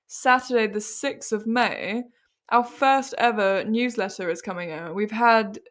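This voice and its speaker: A young British woman co-hosting a podcast, chatting casually and rambling with frequent laughter. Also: on the high side. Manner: giggly, rambling, often laughs mid-sentence. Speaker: podcast co-host. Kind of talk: casual chat.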